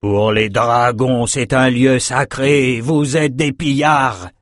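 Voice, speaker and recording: A man voicing an ancient, huge male dragon that speaks slowly and menacingly in an audiobook. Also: mid-range voice, steady tone, no room sound, studio quality, pitched above the performer's own voice, natural voice. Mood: roaring. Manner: slow, roaring, menacing. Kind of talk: audiobook character voice.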